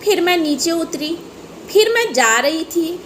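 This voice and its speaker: Speaking to her pet parrots at a measured pace, a woman with a very high, slightly bright voice and lively intonation tells a playful, teasing story. Her delivery is sing-song, full of repeated phrases and laughter. The home recording is noisy.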